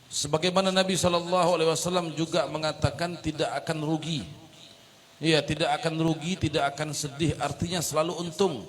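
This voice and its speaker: A man interpreting a sermon, retelling its story in a lively way with explaining asides. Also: a little high, fairly quick. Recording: long reverb of a large hall.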